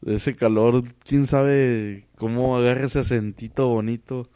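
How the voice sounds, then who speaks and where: A man from Sinaloa with a northern Mexican accent, co-hosting a podcast in slangy, animated casual chat. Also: mid-range voice, measured pace, clean tone, no room sound. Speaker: podcast co-host.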